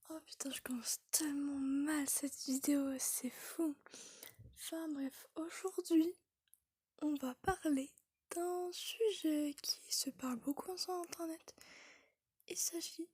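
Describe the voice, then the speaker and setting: A woman's voice: high voice, steady tone, takes it slowly, pauses often, darkish tone, dry recording, studio quality. A woman youtuber telling a creepy story in a casual, self-mocking way, mostly in a whisper.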